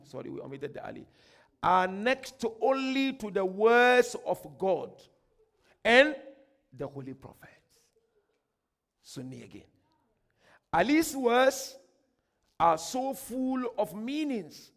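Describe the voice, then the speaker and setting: A high-voiced man with a Ghanaian accent delivers a religious lecture, his voice rough with gravel. He swings from loud, emphatic declaiming to hushed asides. Quotations come out slow and grand. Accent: Ghanaian English. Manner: reads quotations slowly and grandly. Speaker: sheikh giving a workshop lecture.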